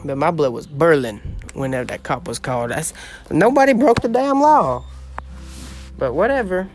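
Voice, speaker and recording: A man's voice: fairly high pitch, lively intonation, normal speed, faint music behind. A man, telling a story in a dramatic, exclamatory, gossipy way as a podcast host on his porch. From southeast Missouri. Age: late teens. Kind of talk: casual storytelling monologue. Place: outdoor porch.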